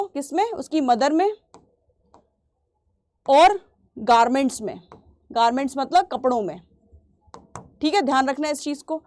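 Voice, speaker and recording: A woman teacher giving an exam revision lesson, reading English lines slowly and then explaining them, repeating key points and clearing her throat now and then. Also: high-pitched, darkish tone.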